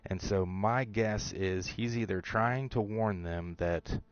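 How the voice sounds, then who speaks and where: A man's voice: fairly low pitch, takes it slowly, dry recording, muffled recording. A man hosting a show, casually talking through his theories about a TV episode, rambling with fillers and restarts. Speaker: show host.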